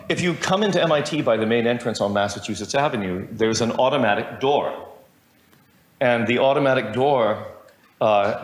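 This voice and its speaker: A middle-aged man lecturing in a hall that rings with room echo. His voice sits at an everyday middle pitch. He drifts into wry asides and keeps stopping to correct himself. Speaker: professor giving a lecture. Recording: roomy lecture hall sound.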